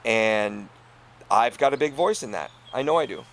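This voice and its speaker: Here the middle-aged man who co-owns an inn sounds animated in a mid-range voice at normal speed. He's earnest and casual, laughs frequently, and lets lines drift off quietly. There's slight background noise.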